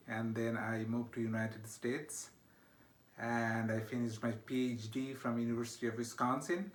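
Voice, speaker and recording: Speaking from an echoey home study, this middle-aged man with a Bangladeshi accent is a university instructor presenting his course. His voice sits at medium pitch, and he often says "uh" and asks "okay?" to check in.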